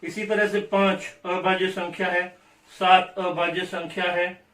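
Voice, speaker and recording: Male maths teacher, unhurried, patient repeats, roomy echo, mic at a distance. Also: high-pitched, flat delivery, fairly bright tone. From India. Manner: repeats definitions slowly, asks and answers own questions. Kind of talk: classroom maths lesson. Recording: echoey room, voice off-mic.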